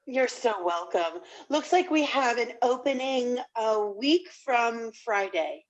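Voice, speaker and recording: A woman's voice: on the high side, lively intonation, takes it slowly, dull audio. A woman playing a courteous, apologetic call center agent in improvised customer service talk. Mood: polite, helpful. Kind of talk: improvised customer service phone role-play.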